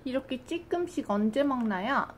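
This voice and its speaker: A woman's voice: high voice, lively intonation, moderate pace. A mother voicing a hungry, impatient baby. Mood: whiny pleading. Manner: polite pleading, whiny. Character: hungry impatient baby, politely complaining to mom. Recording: noisy home recording.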